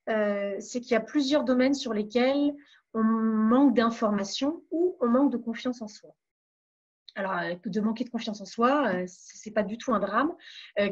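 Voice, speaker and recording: A woman from France giving calm advice as a webinar coach, pausing on fillers and restarting her phrases. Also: fairly high pitch, lo-fi sound. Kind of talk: online webinar talk.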